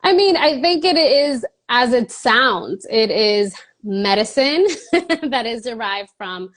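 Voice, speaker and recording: A woman's voice: a little high, expressive, slow, fairly bright tone. Earnest woman from the Dominican Republic. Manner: earnest, laughs between phrases. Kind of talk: conversational interview answers.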